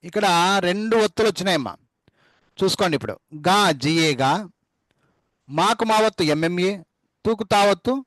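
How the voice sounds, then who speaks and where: A man's voice: high-pitched, expressive, normal speed, pauses often, fairly bright tone, no echo. A man teaching a spelling lesson, repeating each word several times and spelling it out letter by letter. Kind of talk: classroom dictation lesson.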